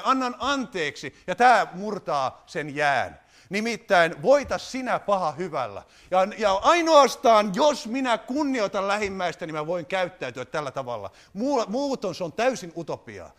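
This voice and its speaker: A man preaching a sermon, animated, putting rhetorical questions to his congregation. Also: high voice.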